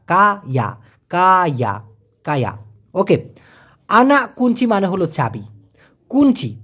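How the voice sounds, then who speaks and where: A man gives a casual vocabulary lesson with a fairly high, animated voice that swings up and down a lot. He explains each word with everyday examples and says pronunciations over several times, slowly and carefully. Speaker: language teacher.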